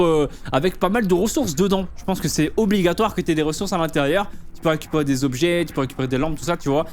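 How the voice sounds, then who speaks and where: A man giving casual commentary on a game, explaining things to the viewer in informal, slangy language. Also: sits high. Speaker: gaming video host.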